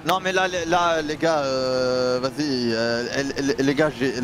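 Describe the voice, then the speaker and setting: A man's voice: medium pitch, steady tone, unhurried, noisy background. A man playing an online role-play game, bantering casually and repeating his phrases insistently.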